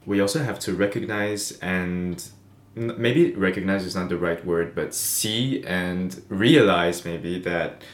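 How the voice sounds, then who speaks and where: A man's voice: deep voice, unhurried. A young man from France with a French accent, co-hosting a podcast in casual, chatty talk. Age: young adult. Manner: relaxed, chatty, laughs easily. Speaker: podcast co-host. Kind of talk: casual chat. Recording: echoey room.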